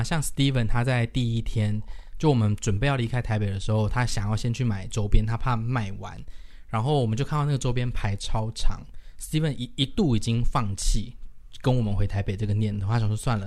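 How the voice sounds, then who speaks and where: A man with a Taiwanese Mandarin accent, co-hosting a podcast and chatting casually, with enthusiastic reactions. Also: fairly low pitch. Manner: enthusiastic, reacts with loud exclamations. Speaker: podcast co-host. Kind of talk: casual chat.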